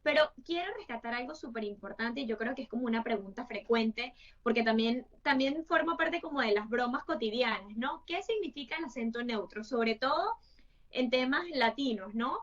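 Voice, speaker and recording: A woman's voice: a little high, a little fast, fairly bright tone. A woman hosting an interview, thinking aloud reflectively and often adding tag questions. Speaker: host. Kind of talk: interview conversation. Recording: distant, dull lo-fi sound.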